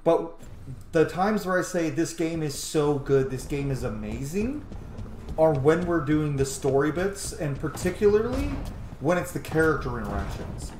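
A gaming streamer in his thirties offers casual let's-play commentary, enthusiastic and full of swearing. His voice is on the high side, sing-song and a little mellow at normal speed, with roomy echo and game ambience behind him.

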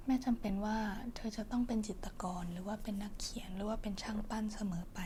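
A woman voicing a caring girlfriend in a whispered role-play, soft breathy pillow talk, as if reading her partner to sleep. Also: mid-range voice, slight background noise, lightly acted.

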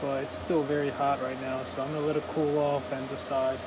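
A man's voice: medium pitch, flat delivery, a little fast. A young man casually demoing his welding gear in a workshop, talking loosely with lots of fillers, filmed on a phone. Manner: easygoing, rambling with many fillers. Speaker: welder demonstrating his shop gear. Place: cluttered indoor workshop. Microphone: phone camera, handheld then on tripod. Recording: loud shop noise behind. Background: loud hum of shop machines and air.

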